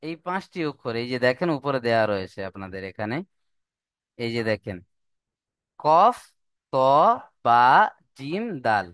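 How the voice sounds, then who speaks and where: A man's voice: mid-range voice, big pitch swings, normal speed, long pauses, clear, resonant tone, no echo, clean studio sound. A man teaching Quran reading rules step by step, stretching out the example words in a sung recitation. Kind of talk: slow step-by-step lesson.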